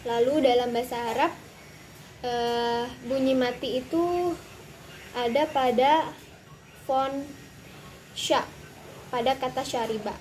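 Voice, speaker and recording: Young female student, high voice, careful explainer with pauses, faint noise behind. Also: fairly even intonation, a little mellow, low-quality recording. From Indonesia. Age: young adult. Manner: careful explanatory, frequent hesitations. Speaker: student presenter. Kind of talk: recorded class presentation.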